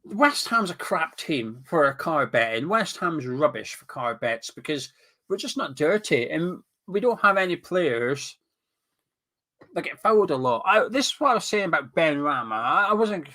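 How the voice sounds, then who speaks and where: With big pitch swings and a fairly high, bright, forceful voice at a moderate pace, a Scottish man chats on his webcam live stream. He reads viewer comments, banters with chat, and drifts off topic, sounding sniffly and congested from a cold.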